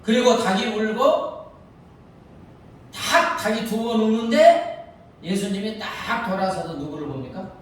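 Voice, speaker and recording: A male pastor preaching a sermon, telling the story with lively, acted-out quotes. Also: sits high, a little slow, pauses often, very echoey, recorded from a distance, a little hiss or hum, low-quality recording. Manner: animated storytelling, acting out quoted lines. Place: church sanctuary.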